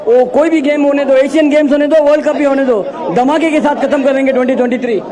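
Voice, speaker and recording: Very high-voiced excited cricket fan. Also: male voice, fast. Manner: excited, emphatic. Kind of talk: street interview. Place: outdoors among fans. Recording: crowd noise behind.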